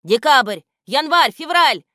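A woman voicing a strict, scolding male guardian of grammar in a storybook reading, speaking loudly and higher than her own voice. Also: animated, moderate pace, no echo, clean studio sound. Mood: angry shouting. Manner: loud and scolding.

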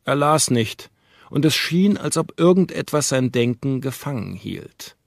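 A man reading an audiobook in a measured, calm storytelling manner. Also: medium pitch, gravelly, no room sound, clean studio sound. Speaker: audiobook narrator. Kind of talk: scripted narration.

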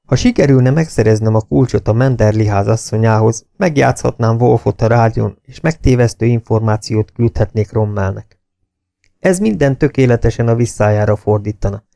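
A man's voice: mid-range voice, creaky, dark tone, no room sound, clean studio sound. A man voicing a tense, commanding army officer in an audiobook. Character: tense British intelligence officer.

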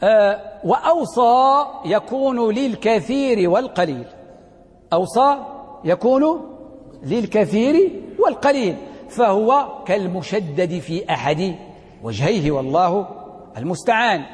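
A man teaching a lecture on Quranic readings as a sheikh, asking the class questions, answering them himself and slowly repeating key words. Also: sits high, lively intonation. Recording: long hall reverb.

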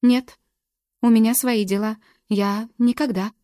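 A woman's voice: fairly high pitch, fairly even intonation, unhurried, mellow, dry recording, studio quality, pitched above the performer's own voice, natural voice. A woman doing a cold, defensive older sister. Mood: defiant. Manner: cold, clipped and denying. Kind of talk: audiobook character reading.

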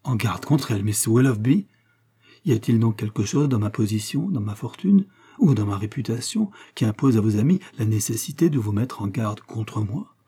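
A man voicing a passionate, heartbroken young suitor who implores with feeling, in a dark husky voice. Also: fairly low pitch, lively intonation, normal speed. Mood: passionate imploring.

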